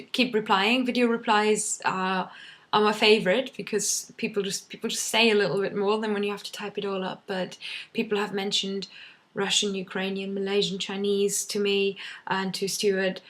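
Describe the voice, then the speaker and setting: A young female vlogger whose first language is German rambles casually to camera, her chatty talk full of ums and restarts. Her voice is mid-range with a fairly bright tone.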